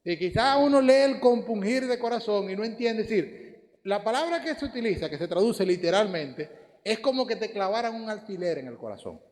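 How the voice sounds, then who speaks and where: Man, Dominican Spanish accent, preacher, high animated voice, church hall reverb. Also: a little fast. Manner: lively, rhetorical questions to the congregation. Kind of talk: sermon.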